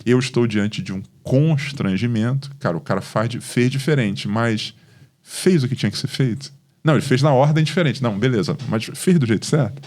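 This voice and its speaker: Brazilian pastor telling lively stories. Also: male voice, mid-range voice, brisk. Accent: Brazilian Portuguese. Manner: animated storytelling, acts out dialogue. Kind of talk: podcast conversation.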